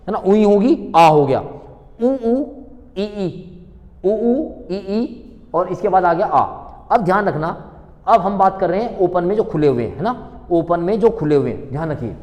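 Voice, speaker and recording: Male tutor, high voice, drills and repeats, echoey reverberant room. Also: a little mellow. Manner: repetitive, drilling sounds aloud with quick rhetorical questions. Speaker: teacher. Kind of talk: online exam-prep lecture.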